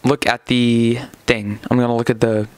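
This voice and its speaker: A man's voice: medium pitch, flat delivery, normal speed, a little mellow, clean tone, dry recording. A man hosting a podcast, commenting casually and reading out items. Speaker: podcast host.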